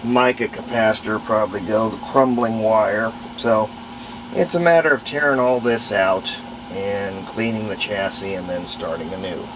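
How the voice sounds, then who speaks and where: Hosting a radio restoration video, this man works through an unscripted, hands-on repair while musing aloud in a plainspoken, casual way. His voice sits on the low side and moves at a moderate pace, with background noise present.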